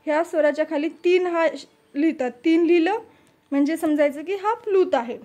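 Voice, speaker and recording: A woman's voice: very high voice, normal speed, mellow. A woman teacher explaining grammar step by step, asking questions and answering them herself. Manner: asks questions and answers them herself, repeats key terms.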